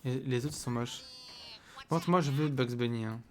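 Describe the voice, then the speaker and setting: A man streaming himself playing a video game, excitable and swinging from loud exclamations to muttering. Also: mid-range voice, normal speed, slight background noise. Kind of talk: live gameplay commentary.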